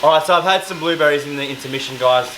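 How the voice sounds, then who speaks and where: In a fairly high voice, a fitness vlogger races through his casual chatter while meal-prepping at home. He's jokey and self-deprecating, loose with fillers, and a helper films him with a camera mic in a roomy kitchen where faint cooking sounds carry.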